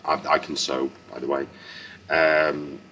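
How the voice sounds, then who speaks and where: Deep-voiced earnest man in his fifties. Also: little pitch movement, creaky, pushed and bright, muffled recording, a little hiss or hum. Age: 50s. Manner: frank, earnest, halting with restarts and swearing. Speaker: vlogger. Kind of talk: candid personal story to camera.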